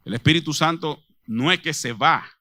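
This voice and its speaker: A man's voice: on the high side, normal speed, bright, forceful tone, no echo, clean studio sound. A man preaching a sermon to a chapel congregation as their pastor, asking them questions as he goes. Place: chapel with a microphone. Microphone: handheld or stand microphone.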